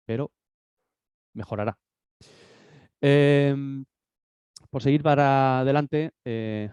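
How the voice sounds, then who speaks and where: Sitting at his office desk, a man suffering from a cold delivers a casual business seminar presentation, often hesitating with fillers and false starts. His voice is medium-pitched, mellow, clear and resonant, captured without echo but sounding muffled.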